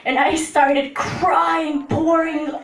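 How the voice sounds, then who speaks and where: A woman's voice: sits high, drawn-out words, a little hiss or hum. A young woman telling funny stories on a stage, laughing as she goes and acting out what people said. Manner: animated, laughs while telling, acts out quotes. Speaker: storyteller. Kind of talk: live comedic storytelling. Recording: roomy echo, voice from far off.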